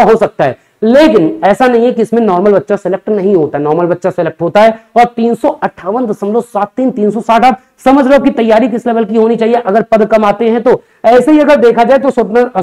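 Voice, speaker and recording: This young adult exam coach gives an explanatory lecture indoors at a digital board, speaking emphatically and conversationally and answering questions he raises himself. His voice is high and a little mellow.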